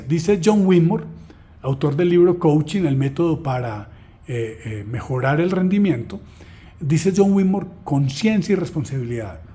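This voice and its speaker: A man's voice: a little high, mellow. A man explaining a training unit in a conversational way, full of rhetorical questions and self-deprecating asides. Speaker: trainer presenting a course unit. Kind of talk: explanatory lesson walkthrough.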